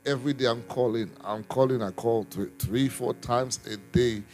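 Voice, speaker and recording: Earnest man telling a story over soft music. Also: medium pitch, moderate pace. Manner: earnest storytelling with repeated words. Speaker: apostle and minister. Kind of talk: personal testimony in a ministry talk.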